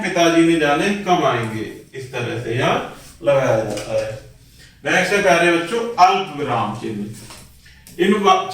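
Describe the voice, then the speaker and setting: Brief: male teacher, fairly high voice, fond classroom manner, set back from the mic in a very echoey room. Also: a bit bright, distant mic. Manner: addresses pupils fondly, asks and answers own questions. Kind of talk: grammar lesson explanation.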